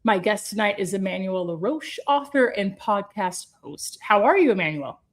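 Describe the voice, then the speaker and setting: A woman, a chef, hosting a food podcast and chatting with her guest in a lively, enthusiastic way. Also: mid-range voice, normal speed. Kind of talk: casual interview chat.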